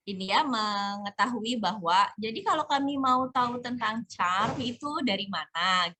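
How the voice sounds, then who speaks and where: A woman's voice: fairly high pitch, bright, forceful tone, a little hiss or hum. A chatty woman hosting an informal online community talk in colloquial speech. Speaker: host of a community webinar.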